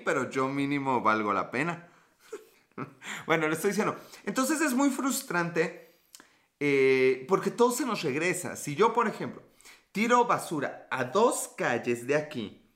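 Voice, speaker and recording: On a livestream podcast, a man's fairly high voice comes across pushed and bright. He has a Mexican Spanish accent and keeps the chat casual, reading viewers' comments and answering with crude, teasing, flirty banter.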